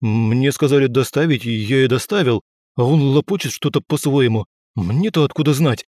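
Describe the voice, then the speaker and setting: A man's voice: mid-range voice, normal speed, a little mellow, no room sound, studio quality, close to an everyday voice. A man voicing a frightened, deferential police driver who speaks nervously to his superior. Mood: defensive.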